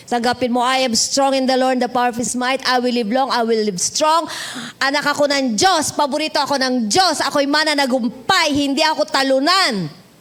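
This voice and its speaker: A woman's voice: high voice, fairly bright tone. A Filipino woman pastor preaching a sermon in a chatty, joking way, mixing Tagalog and English. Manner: conversational, switching between Tagalog and English, joking with the congregation. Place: church sanctuary.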